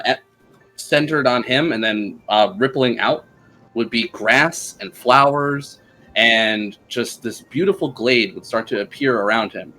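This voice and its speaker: A man's voice: mid-range voice, a bit bright, slight background noise. A man narrating as game master of a tabletop game, in an easygoing, hesitant way. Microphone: streaming microphone.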